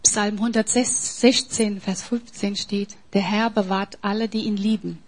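A woman preaching a sermon in an emphatic way, swinging between soft, near-whispered passages and forceful, raised lines. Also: medium pitch, steady tone, unhurried, husky.

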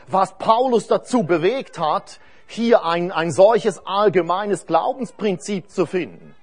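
A man preaching a sermon with earnest, emphatic delivery, reading scripture verses aloud and repeating phrases for stress. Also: high-pitched.

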